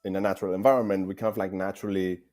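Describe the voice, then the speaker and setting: This Spaniard has a deep, dark, relaxed voice with a Spanish accent. As a game developer, he answers interview questions conversationally, finding his phrasing on the fly and often repeating words, and his delivery is racing.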